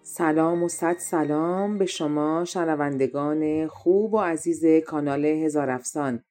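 A young adult woman reads a fairy tale aloud in a calm, measured storytelling manner. Her voice sits low, and its tone is soft and mellow. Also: faint music behind. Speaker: audiobook narrator. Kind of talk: storybook narration.

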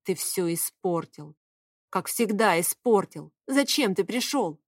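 An earnest young man, voiced by a woman narrator in a storybook reading. He pleads with slightly raised pitch. The sound is dry and close. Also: lively intonation, takes it slowly, no room sound, heavily acted. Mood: defiant. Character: young man, pleading yet defiant shape-shifter.

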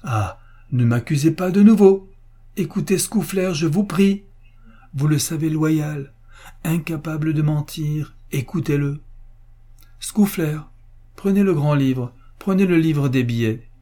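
A man's voice: on the high side, expressive, measured pace, mellow, husky, voice pushed up. A man voicing a young man pleading urgently and earnestly with his father in a storybook reading.

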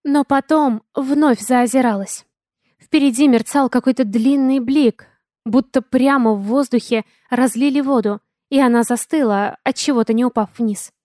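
Higher-voiced woman reading an audiobook. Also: moderate pace, darkish tone, no room sound, clean studio sound. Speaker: audiobook narrator. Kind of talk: first-person audiobook narration.

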